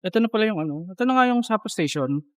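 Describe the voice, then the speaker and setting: A man's voice: high-pitched, animated, fast, fairly bright tone, no room sound. A man vlogging while walking outdoors, chatting and telling a story in casual speech, a bit out of breath from the uphill walk. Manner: chatty storytelling, mixing Filipino and English. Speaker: travel vlogger. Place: outdoors on city streets. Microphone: handheld phone or camera. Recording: street noise behind the voice. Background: street traffic noise.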